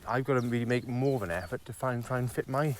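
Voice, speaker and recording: A man co-hosts a physio podcast while out on a country walk, his voice at an ordinary middle pitch. He explains with lots of restarts and trailing phrases. Faint birdsong and outdoor ambience sit quietly under him. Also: quick pace, slight background noise. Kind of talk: casual chat on a walk. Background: faint birdsong and nature ambience.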